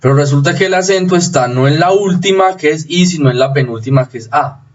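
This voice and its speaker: A man teaching spelling rules in a deliberate, methodical way. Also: fairly high pitch. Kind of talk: explanatory lesson. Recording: distant, dull lo-fi mic.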